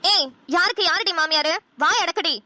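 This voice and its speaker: A woman's voice: very high-pitched, normal speed, sharp tone, dry recording, full character voice. Woman putting on a stern older mother-in-law. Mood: scolding. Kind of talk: cartoon voice acting.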